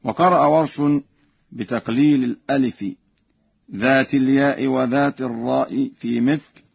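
A man teaching Quran recitation. He gives measured explanations, then chants the examples slowly and melodically. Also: mid-range voice, steady tone, gravelly, husky, dry recording, dull audio.

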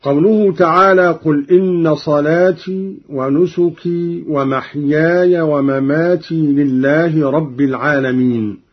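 Husky man teaching recitation, lo-fi. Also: on the high side, steady tone. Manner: measured, deliberate, drawn-out recitation of examples. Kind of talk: instructional explanation with slow recited examples. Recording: dull lo-fi recording.

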